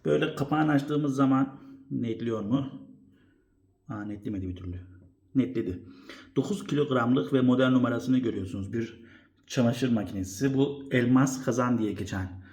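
Male home vlogger, medium pitch, casual halting explainer delivery, strong echo from an uncarpeted room. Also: a little mellow. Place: indoors at home, room without carpets. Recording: echoey bare room at home.

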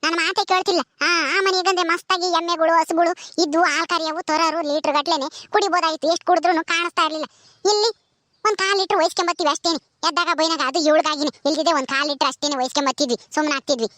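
A woman's voice: very high-pitched, steady tone, rapid-fire, no room sound. A woman playing a poor village mother, scolding her hungry daughter in a village skit. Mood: worn out. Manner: scolding, loud and exasperated. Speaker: actor in a village drama.

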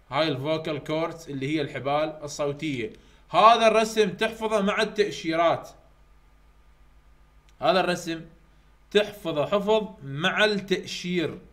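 A man with an Iraqi Arabic accent giving an online university lecture, repeating key points slowly to drill his students. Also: fairly high pitch, fairly bright tone. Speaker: university English tutor. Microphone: computer mic over weak internet.

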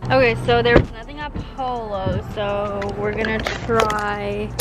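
Over loud music, a young woman from Washington State chats casually to a handheld camera for her vlog, peppering her talk with "like." Her medium-pitched voice is fairly even in intonation and a little slow. She films in her home kitchen and living room, and later in a car.

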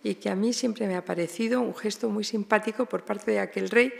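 A woman's voice: mid-range voice, a little fast, vocal fry. A woman curator giving an art history lecture in a large hall, speaking hesitantly with many fillers and tag questions. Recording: long reverb of a big hall.

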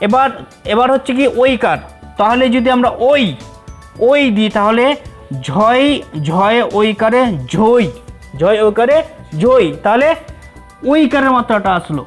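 A male teacher giving a reading lesson, repeating syllables slowly to drill pronunciation and addressing his students familiarly. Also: very high voice, soft background music.

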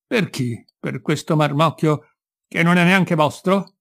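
A man voicing a fierce older female servant who shouts accusations in a raised, shrill voice while reading a story aloud. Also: expressive, normal speed. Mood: furious.

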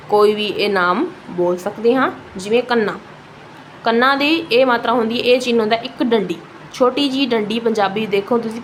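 A woman teaching a lesson. She asks questions and answers them herself, and she draws out her example words slowly. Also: fairly high pitch, a little hiss or hum, low-quality recording.

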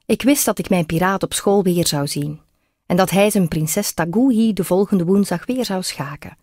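A woman reading a first-person story aloud in a measured, reflective way. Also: lowish voice, a little mellow, dry recording, clean studio sound. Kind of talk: audiobook reading.

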